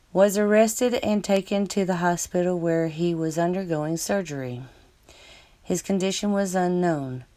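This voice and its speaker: A woman's voice: sits low, creaky, warm tone. A woman reading news articles aloud and breaking off with skeptical, sardonic asides. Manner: skeptical, sardonic asides between read passages. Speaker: commentator.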